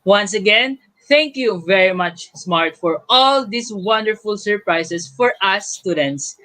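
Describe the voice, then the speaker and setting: A young adult man with a Filipino accent and a high, animated voice co-hosts a scripted online event as a student raffle announcer. He speaks slowly but sounds pushed and bright, announcing giveaways in an upbeat way.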